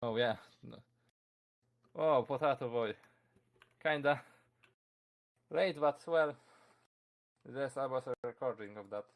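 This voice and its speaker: This convention presenter, a young man with a Polish accent, answers chat questions during a relaxed streamed talk, chuckling often and filling his speech with restarts and fillers. His mid-pitched voice is creaky, and he speaks slowly with long pauses.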